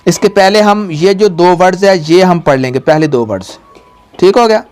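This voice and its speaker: A woman's voice: lowish voice, animated, normal speed, darkish tone, faint music behind. A woman, a Quran teacher patiently guiding a pupil, drawing out each syllable and having it repeated. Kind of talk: patient recitation lesson.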